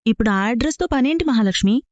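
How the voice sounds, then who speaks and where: A woman's voice: on the high side, lively intonation, fast, darkish tone, dry recording, natural voice. An actress playing a cool, guarded young woman who answers evasively. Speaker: actor in a TV serial. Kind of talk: TV serial acting.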